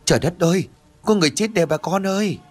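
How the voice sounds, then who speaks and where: A terrified village woman cries out in a high, frantic voice, put on by a male narrator. Her pitch leaps around wildly. It is an audio ghost-story reading. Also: lively intonation, fairly quick, faint music behind. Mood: panicked. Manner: shrieking, frantic. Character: panicked village woman, frightened and shrill.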